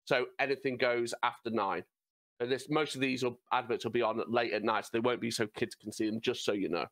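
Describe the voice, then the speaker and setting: A man's voice: mid-range voice, steady tone, brisk, a bit bright, no room sound. A British man hosting a reaction video, chatting casually and explaining things to his viewers. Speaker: reaction channel host. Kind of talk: casual chat.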